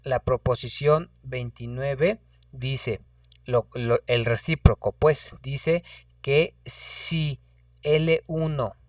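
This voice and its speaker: A man's voice: medium pitch, very slow, no room sound, studio quality, distant mic. A man teaching a geometry lesson at a board, thinking aloud and often restarting or correcting himself. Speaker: math teacher. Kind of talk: whiteboard geometry lecture.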